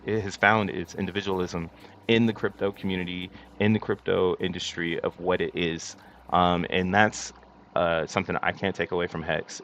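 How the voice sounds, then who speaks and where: Male crypto bro streamer, low voice, slangy casual hype, muffled mic. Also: a bit bright. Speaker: livestream host. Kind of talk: casual crypto commentary to a live chat. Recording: dull lo-fi mic with faint background noise.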